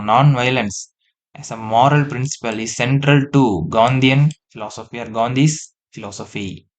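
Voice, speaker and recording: A man, teaching an exam-prep lesson, reading multiple-choice questions and repeating each answer slowly, often dropping into quieter asides. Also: medium pitch.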